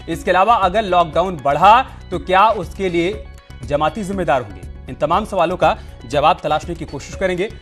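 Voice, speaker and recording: A man anchoring a TV news debate, forceful and scolding as he cuts in on his guests. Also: on the high side. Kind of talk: TV debate moderation.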